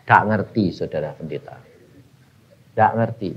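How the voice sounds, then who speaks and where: A man's voice: low-pitched, measured pace, muffled recording, slight background noise. An older man, preaching a sermon, telling stories animatedly and laughing often. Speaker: evangelist preacher.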